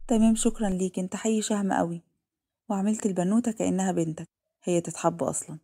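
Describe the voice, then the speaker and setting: A woman with an Egyptian Arabic accent voicing a kind, chatty nurse in a told story, warm and reassuring. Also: medium pitch, fairly even intonation, fast, close to an everyday voice. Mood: cheerful.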